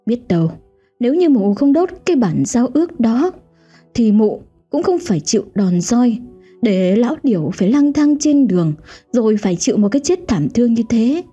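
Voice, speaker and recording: Woman, ghost story narrator, dramatic telling, lively pitch, dull lo-fi audio. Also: moderate pace, slightly rough. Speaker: storyteller host. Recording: dull lo-fi audio with faint music.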